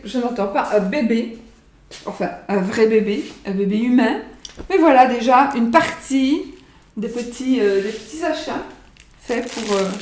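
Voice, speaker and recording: A woman's voice: a little high, a little mellow, a little hiss or hum. A woman vlogger chatting casually to her viewers, rambling and repeating herself with many fillers, in her home kitchen. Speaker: psychic vlogger presenting her oracle cards. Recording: roomy echo, voice from far off the mic.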